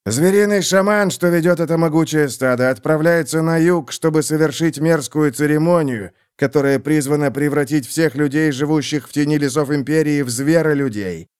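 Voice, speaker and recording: A man's voice: a little high, moderate pace, few pauses, a little mellow, smooth, no echo, studio quality, voice pushed up, lightly acted. A man voicing a grave, righteous old male templar knight in an audiobook.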